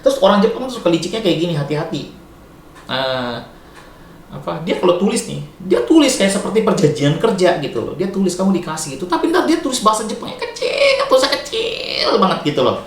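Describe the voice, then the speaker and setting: A middle-aged man from Indonesia giving casual advice as a vlogger, chatty and lively, slipping in Japanese and English words and laughing often. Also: fairly high pitch, a little fast. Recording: echoey room, faint background noise.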